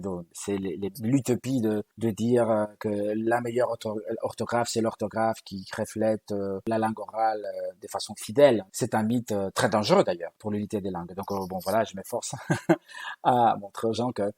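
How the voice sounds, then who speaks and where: A man, a linguist being interviewed, explaining his ideas in a deliberate way and often pausing to search for words. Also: fairly low pitch, steady tone, a little mellow, dry recording. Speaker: linguist guest. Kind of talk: interview answers.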